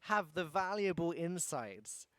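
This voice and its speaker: A man's voice: on the high side, very animated, takes it slowly, fairly bright tone, clean tone, no echo. A man hosting a livestream, chatting casually and asking his guests curious questions. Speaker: stream host.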